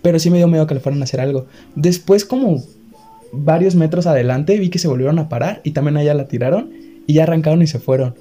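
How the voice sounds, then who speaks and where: A young man with a Mexican accent, telling a story in casual chat, animated and laughing nervously now and then. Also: a little high, fast talker, lo-fi sound, faint music behind. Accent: Mexican Spanish.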